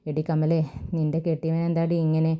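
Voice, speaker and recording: A woman voicing a bossy, doting elderly grandmother who scolds and fusses in a low, even voice. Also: a little fast, clear, resonant tone, dull audio, lightly acted. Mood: fussing scolding. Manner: scolding and fussing, calls others by endearments.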